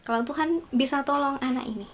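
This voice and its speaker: A woman's voice: high-pitched, fast talker. A woman preaching a sermon, telling a story and acting out the quoted speech of the people in it, and turning to her listeners directly. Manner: addresses listeners as "saudara", acts out the quoted speech. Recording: slightly dull, faintly noisy recording.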